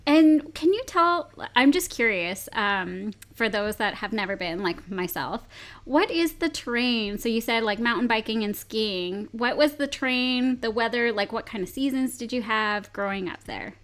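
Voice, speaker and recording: Eager, fairly high-voiced woman podcast host. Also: animated, moderate pace, fairly bright tone. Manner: eager, gushing, curious. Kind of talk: casual interview chat.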